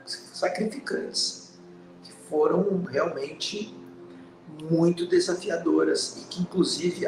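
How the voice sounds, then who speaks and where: A man in his fifties from Brazil, hosting a spiritual channel and giving a slow, earnest, reflective monologue. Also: fairly high pitch, vocal fry, reverberant, slight background noise, poor audio. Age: 50s. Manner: slow, pausing, earnest and introspective.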